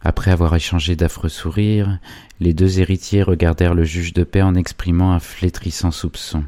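Deep, dark-voiced male narrator. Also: dry recording. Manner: measured, even literary reading. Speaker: audiobook narrator. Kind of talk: scripted narration of a classic novel.

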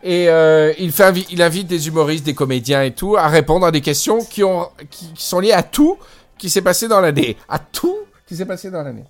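A podcast co-host with a fairly high-pitched, lively voice talks a bit fast in casual conversation. Recorded through Skype, his speech is eager but full of hesitations and filler words.

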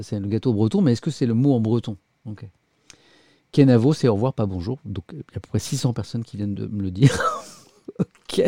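Male live-stream host, warm and mellow tone, dry close sound, chatty, self-mocking. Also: on the low side, no room sound. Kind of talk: casual live-stream chat.

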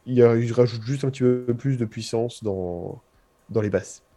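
A man's voice: mid-range voice, moderate pace. A young man hosting a casual podcast chat about film music, rambling and hesitant, with jokey asides. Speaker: podcast co-host.

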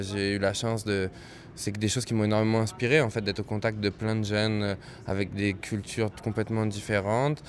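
A man with a French accent, a jazz musician from the Paris suburbs, chatting easily in an interview and laughing readily. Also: lowish voice. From France, Paris suburbs. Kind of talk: casual interview chat.

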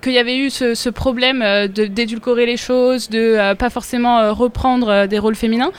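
A woman's voice: a little high, fairly even intonation, brisk, smooth. A woman co-hosting a casual round-table talk, hesitant with frequent fillers and laughter. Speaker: podcast co-host.

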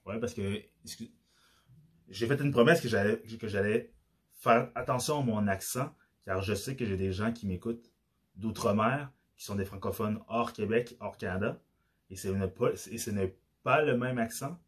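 Husky Québécois man hosting a podcast. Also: lowish voice, moderate pace. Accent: Québécois French. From Quebec. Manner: hesitant, many restarts and filler words. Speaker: podcast host. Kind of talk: casual monologue podcast.

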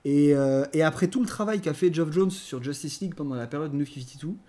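A man's voice: a little high, brisk, dark tone. A man co-hosting a podcast, ranting animatedly in casual chat with frequent stammering restarts. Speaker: podcast co-host reviewing comics.

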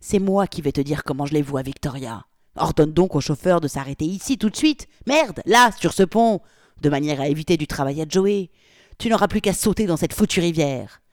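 A brutal male gangster snaps and swears in a loud, harsh voice, put on by a woman reading aloud. He barks orders without letting anyone answer, his lines rising high and swinging widely. It is a dry, close recording. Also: expressive, normal speed, dry recording. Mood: furious. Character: angry brutal male gangster, foul-mouthed.

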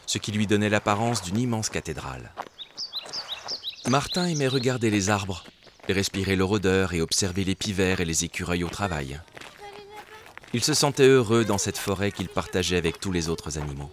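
A man narrating a children's storybook in a gentle, expressive way. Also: low voice, moderate pace, background noise.

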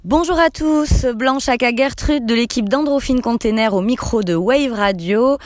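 A woman hosting a local radio interview, presenting lively and friendly. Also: fairly high pitch, normal speed, no room sound, studio quality. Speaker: radio host.

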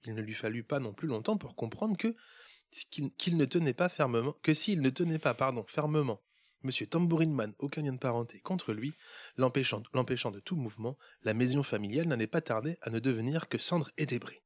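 A man's voice: medium pitch, animated, fairly quick, no echo, studio quality. A man hosting a podcast who narrates a Christmas storybook tale in a playful way, with running gags. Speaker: podcast host.

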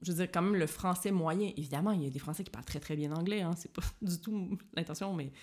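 A woman's voice: on the low side, quick pace, darkish tone. A woman from Quebec with a Québécois accent, chatting casually with plenty of fillers and restarts. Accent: Québécois French. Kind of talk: casual chat.

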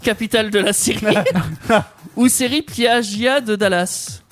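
A man's voice: high voice, fairly even intonation, unhurried, fairly bright tone, soft background music. A man hosting a casual radio quiz, chatty and often laughing as he talks. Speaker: quiz host.

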